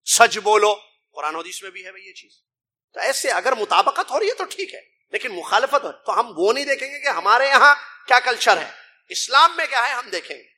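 A middle-aged preacher from India or Pakistan speaks in a high, bright, ringing voice. He delivers an emphatic mosque sermon, throwing out rhetorical questions and calling his listeners brother. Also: sing-song, husky. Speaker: preacher translating a Friday sermon.

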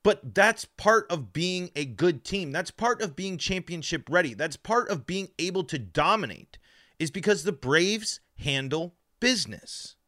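A man's voice: high voice, animated, unhurried, pushed and bright. A man hosting a live sports podcast, his mouth numb from the dentist, talking emphatically with stumbles and repeated words. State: mouth numb from dental work.

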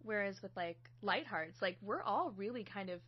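An audio drama sound designer and writer chats casually on a podcast about collaboration, laughing often and filling her speech with "like." She has a mid-range, slightly rough, expressive voice at a normal speed, and the recording is muffled.

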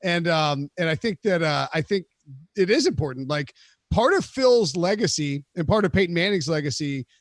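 High-voiced rambling guest. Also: male voice, expressive, normal speed, no echo, clean studio sound. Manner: rambling, heavy on fillers, laughs often. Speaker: guest football podcaster. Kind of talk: casual chat.

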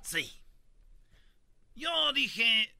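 Radio host, high bright gravelly voice, jokey and playful, mimics people in his stories. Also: sing-song, drawn-out words, no echo. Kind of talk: comic radio banter.

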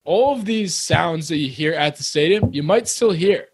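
A young man, chatting excitably and rambling on a podcast. His voice sits fairly high for a man, and he jokes as he talks. The sound is close and dry, with no room around it. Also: moderate pace, breathy edge, no room sound. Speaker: podcast co-host. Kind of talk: casual chat.

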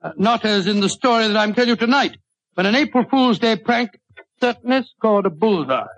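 Genial older British doctor, high creaky voice. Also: male voice, animated, a little fast, a bit bright, no echo, full character voice. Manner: avuncular, wordy, chuckling storyteller. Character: older genial British doctor reminiscing, Sherlock Holmes's loyal companion. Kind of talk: 1940s radio drama storytelling. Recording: dull old-time radio recording.

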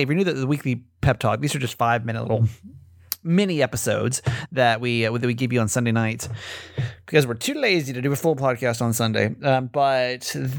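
A man's voice: medium pitch, gravelly, dry recording, studio quality. A man hosting a podcast, introducing it in a chatty, casual and self-deprecating way. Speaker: podcast host.

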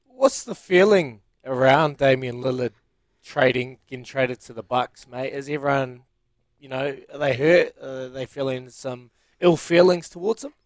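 A man's voice: medium pitch, measured pace, dry recording, studio quality. A man from New Zealand hosting a casual sports interview and putting questions to a guest. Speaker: interviewer, sports show host.

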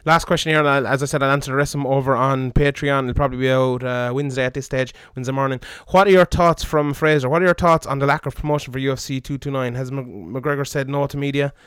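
A man's voice: mid-range voice, fairly even intonation, fast talker, few pauses, fairly bright tone, clean tone, dry recording, studio quality. An Irish man hosting a podcast in casual, joking, informal chat, his voice hungover. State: hungover, rough voice. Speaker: podcast host.

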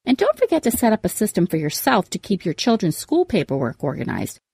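A woman's voice: medium pitch, huge pitch swings, fairly quick, creaky, darkish tone, husky, dry recording, clean studio sound. A woman hosting a scripted parenting advice show in an upbeat, tidy, advice-vlogger manner, setting out tips with emphasis. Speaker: podcast host giving parenting tips.

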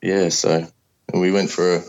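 A man's voice: low-pitched, little pitch movement, moderate pace, vocal fry, darkish tone, highs cut off. An Australian man in his thirties telling a story casually, in the plain, colloquial way of a laid-back working bloke. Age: 30s. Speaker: podcast guest. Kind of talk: casual first-person storytelling.

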